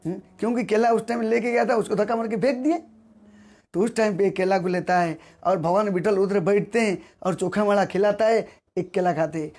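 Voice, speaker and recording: Male preacher, devotional storytelling sermon, animated, faint instrumental music underneath. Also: high-pitched, brisk. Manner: animated, acts out characters, repeats phrases. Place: congregation gathering.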